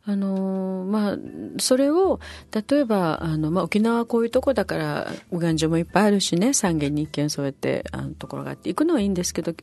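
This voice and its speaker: A woman hosting a casual conversation, chatty and full of fillers, her pitch leaping when she gets animated. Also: quick pace, hardly any pauses. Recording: faint music behind.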